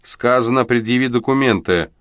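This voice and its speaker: A man's voice: mid-range voice, normal speed, a bit bright, no room sound, studio quality, voice pushed up, close to an everyday voice. A man voicing a stern, suspicious secret-police agent who barks curt orders, in an audiobook.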